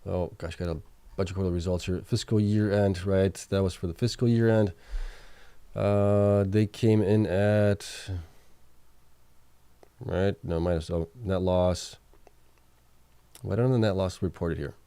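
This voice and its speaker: A man with a lowish, mellow, resonant voice hosts a late-night livestream, reading viewer chat questions and working through financial results out loud. He talks at a measured pace in a steady, clear tone, pausing often, using lots of fillers and correcting himself, and his voice is beginning to wear out. The sound is dry and close, with no room echo.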